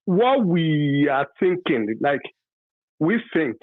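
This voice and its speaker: A man in his fifties from Nigeria with a Yoruba accent, calling in to a radio talk show to give his opinion, halting and full of fillers, then emphatic. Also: a little high, very animated, no room sound. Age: 50s. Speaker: caller. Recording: dry tinny phone line.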